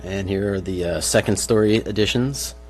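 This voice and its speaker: A man's voice: fairly low pitch, normal speed. A man presenting as city planning staff, formally and methodically reading through technical details. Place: public meeting room. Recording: faint hiss and hum.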